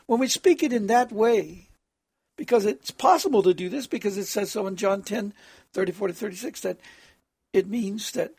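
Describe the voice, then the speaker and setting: Harsh, hoarse preacher with a gravelly rasp. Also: mid-range voice, no echo. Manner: halting, with frequent throat clearing. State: hoarse, having trouble with voice, clearing throat. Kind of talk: extemporaneous sermon addressed as prayer.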